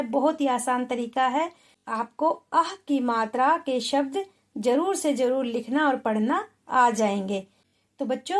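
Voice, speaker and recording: A woman teaching spelling to children, sounding out letters one by one and checking in often. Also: high voice. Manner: sounds out letters slowly, often asks "ठीक है". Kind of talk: slow, patient spelling lesson.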